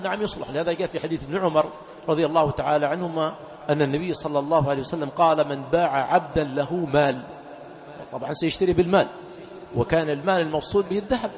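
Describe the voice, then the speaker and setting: A sheikh teaches jurisprudence in a mosque, talking at a brisk clip in a fairly high voice. He keeps asking his listeners to fill in the next word, then repeats it himself. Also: a little mellow. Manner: call-and-response prompts, repeating key words. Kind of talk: Islamic jurisprudence lesson.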